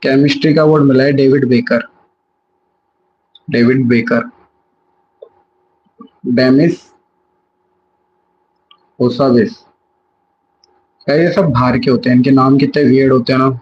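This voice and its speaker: A man's voice: mid-range voice, steady tone, unhurried, pauses often, dull audio, slight background noise. A young man giving a live revision lesson, chatty and self-correcting, mixing English words into his Hindi. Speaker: exam prep teacher.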